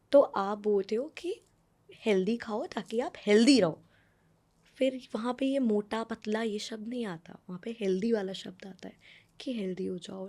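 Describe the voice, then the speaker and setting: Woman, interview guest, earnest and animated, Hindi-English mix. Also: a little high. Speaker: guest, author. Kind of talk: conversational interview answers.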